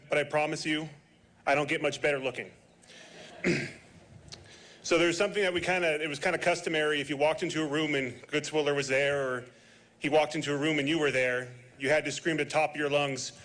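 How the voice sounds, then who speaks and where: A man's voice: on the high side, fairly even intonation, fairly quick, a bit bright. A man, a sheriff's sergeant, giving a heartfelt memorial eulogy with moments of humor. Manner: heartfelt, joking at times.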